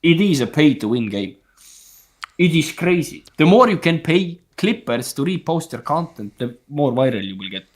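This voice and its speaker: His slightly high voice has a sing-song quality and a moderate pace. An Estonian-speaking guest on a group video call, he chats casually, bluntly and profanely as he meanders through anecdotes.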